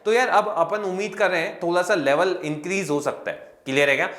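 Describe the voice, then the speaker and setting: A man's voice: sits high, a little fast, a bit bright, reverberant. A young adult man teaching exam preparation in a casual, chatty way, calling his students kids and checking often whether they follow. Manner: chatty, addresses students as kids, repeats "clear hai kya". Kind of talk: casual Hindi exam analysis lesson.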